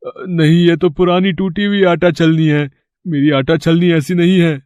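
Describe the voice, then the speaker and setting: A man's voice: on the high side, fairly even intonation, moderate pace, a little mellow, clean tone, no echo, natural voice. A man voicing a greedy, scheming older brother in a storybook tale, speaking in a wheedling tone full of hesitant fillers. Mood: fake crying. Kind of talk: storybook voice acting.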